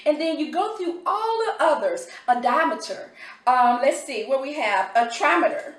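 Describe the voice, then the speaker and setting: A woman reviewing a homeschool curriculum in a casual vlog, talking with excited enthusiasm. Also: sits high, moderate pace, echoey room, distant mic.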